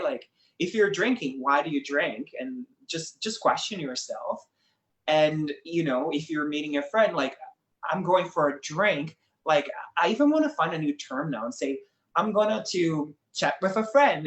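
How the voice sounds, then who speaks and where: A young Brazilian man with a Brazilian Portuguese accent talks as a guest in casual conversation, earnest and reflective, laughing easily. His voice sits on the high side with a fairly bright tone. The room is echoey and the audio quality is poor.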